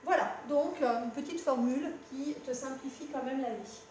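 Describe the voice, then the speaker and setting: A high-pitched woman teaching a math lesson, patient and talking straight to the student. She often corrects her own slips. The room is very echoey, with a faint hum underneath. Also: normal speed, a little mellow, far from the mic. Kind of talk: explaining a lesson at a board.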